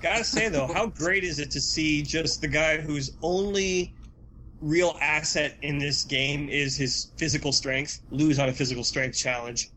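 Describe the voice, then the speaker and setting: A man co-hosting a podcast in casual chat, joking around with quick goofy asides. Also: a little high, pushed and bright, a little hiss or hum. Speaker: podcast co-host.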